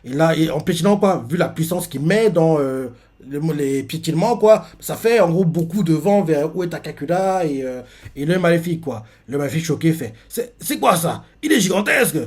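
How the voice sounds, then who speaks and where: Man, manga recap reaction, slightly high voice, rambling, full of fillers. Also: brisk, dark tone. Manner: rambling, many fillers, repeats words. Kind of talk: casual manga chapter recap.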